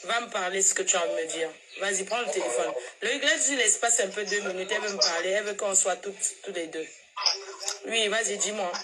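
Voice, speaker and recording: A woman from Cameroon, a mother coaxing her child on a speakerphone call. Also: mid-range voice. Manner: coaxing, patient with her child, then hurried and loud. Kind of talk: casual phone call vlog. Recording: crowd chatter behind.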